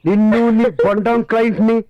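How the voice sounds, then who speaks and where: An actor playing a blustering young lawyer husband who threatens and boasts, in film dialogue. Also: male voice, high-pitched, steady tone, a little fast, dry recording, lo-fi sound, close to an everyday voice.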